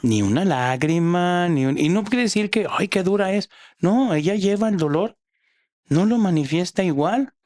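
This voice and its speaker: A man's voice: sits high, lively intonation, normal speed, a little mellow, no echo, clean studio sound. Mexican man explaining, many restarts. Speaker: psychologist guest. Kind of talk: casual podcast chat.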